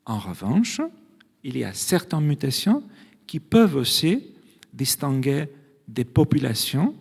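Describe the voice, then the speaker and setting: Speaking in a reverberant hall, a non-native French-speaking man serves as a geneticist panelist in a public debate, explaining his field while now and then tripping over and repeating words. His voice is a little high and darkish, with vocal fry.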